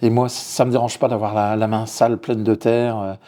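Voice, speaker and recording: In an interview, a middle-aged man from Lyon who cooks and runs his own restaurant speaks in a lowish, level voice at a moderate pace. He hesitates, restarts often, and repeats words, while showing warmth toward his work.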